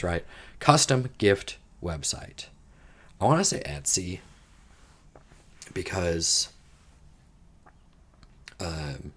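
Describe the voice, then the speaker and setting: Low-voiced man musing over a crossword. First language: English. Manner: thinks aloud, rambling digressions, mild swearing. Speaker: podcast host solving a crossword. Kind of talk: casual solo puzzle-solving chat.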